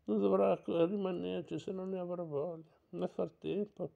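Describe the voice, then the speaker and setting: A man's voice: high-pitched, fairly even intonation, moderate pace, creaky, phone-quality sound. A man voicing a firm, questioning frontier lawyer in an audiobook reading. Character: stern frontier lawyer, middle-aged man.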